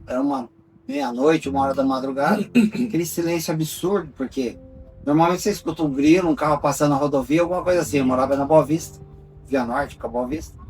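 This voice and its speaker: Animated Brazilian man telling a story. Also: far from the mic. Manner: animated storyteller, acts out dialogue with big pitch swings; drops to a hushed low voice for dramatic moments. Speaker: founder of a rescue project, telling his story. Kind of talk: personal testimony in casual conversation.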